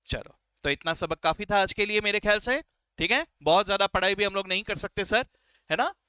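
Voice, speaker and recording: His high voice is expressive, fairly quick, bright, forceful and smooth, with no room sound. This Hindi-English classroom lecture covers beginners' accounting, explained step by step with friendly encouragement. "Beta" and "sir" are how he addresses students, and "right?" and "okay?" come up constantly.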